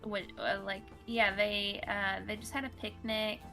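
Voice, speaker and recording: A woman guest speaking softly and hesitantly, her voice quiet and distant. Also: mid-range voice, little pitch movement, unhurried, faint music behind.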